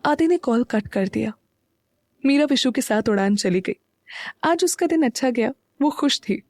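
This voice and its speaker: A woman narrating an audio story in a slow, even storytelling manner. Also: fairly high pitch, no echo, studio quality. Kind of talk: scripted narration.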